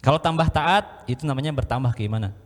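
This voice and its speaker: Animated preacher man in an echoey hall. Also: mid-range voice, quick pace. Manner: animated storyteller, acts out scenes and chants. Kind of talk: lively Islamic sermon with jokes.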